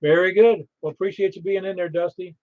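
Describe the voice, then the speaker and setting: A man with a slightly high voice hosts a casual ham radio net. He rambles in a chatty way, and the sound is a little dull. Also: fairly even intonation, a little fast. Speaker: amateur radio net host. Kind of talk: casual net hosting with call signs.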